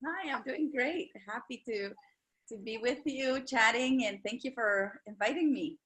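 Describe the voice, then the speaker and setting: A woman's voice: a little high, unhurried, fairly bright tone. A woman from El Salvador, an author and guest, answering interview questions casually and thoughtfully. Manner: thoughtful, with frequent fillers and restarts.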